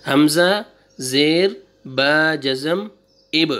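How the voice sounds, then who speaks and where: Man drilling syllables in a slow lesson. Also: on the high side, pushed and bright. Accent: Pakistani Urdu. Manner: slow, drawn-out drilling of syllables with quick asides. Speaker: Quran teacher. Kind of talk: online recitation lesson.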